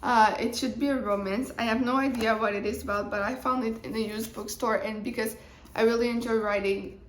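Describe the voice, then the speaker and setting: A young woman with a fairly high voice talks through her reading plans in a loose, rambling way. She cuts herself off and restarts mid-thought. The room gives her voice a noticeable echo. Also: fairly even intonation, brisk, a little hiss or hum. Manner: rambling, chatty, self-interrupting. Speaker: book vlogger. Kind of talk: casual chat. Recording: roomy echo.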